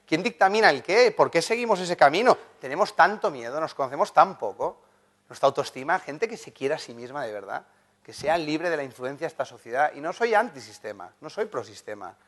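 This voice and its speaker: A man giving a motivational conference talk, animated and anecdotal, joking with the audience. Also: a little high, brisk. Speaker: conference speaker, journalist and writer. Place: conference hall.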